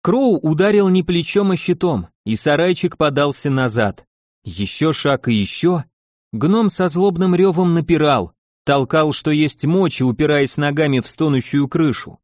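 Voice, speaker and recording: A man narrating an audiobook with a lively, dramatic storytelling manner. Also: fairly high pitch, moderate pace, dry recording, studio quality. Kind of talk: expressive audiobook reading.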